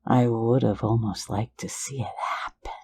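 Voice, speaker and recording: A woman voices a playful phantom thief who leans in close to the mic, murmuring in a low, gravelly whisper like an intimate ASMR roleplay. Her tone is dark, steady, and unhurried, fully in character as she teases, flirts, mocks, and coaxes in a soft, intimate hush.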